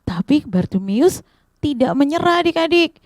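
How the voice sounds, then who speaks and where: An animated woman tells a Bible story to children, speaking straight to them. Her voice sits a bit high. The recording is dry and close. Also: normal speed, no echo. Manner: animated, addresses kids directly. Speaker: children's Sunday school teacher.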